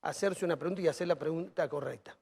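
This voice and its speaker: A man's voice: on the high side, fast, gravelly, a little mellow, slightly rough. A man with an Argentine accent hosting an interview, framing topics and summarizing his guest's ideas in informal speech. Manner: summarizes and frames questions with the informal "vos". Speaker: talk show host.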